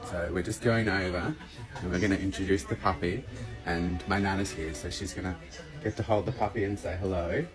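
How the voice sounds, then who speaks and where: A man narrating a casual home video as he introduces his dogs to each other, talking gently and reassuringly and often slipping into high baby talk with the animals. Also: fairly even intonation, fairly quick, music in the background, rough recording. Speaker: dog owner filming a vlog.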